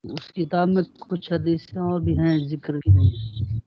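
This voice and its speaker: A man's voice: fairly high pitch, a little slow, husky, muffled recording. A man who is a student politely pointing out to his teacher which parts of the book are missing. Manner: deferential, addresses the teacher as hazrat. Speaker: student in the class. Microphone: remote call line.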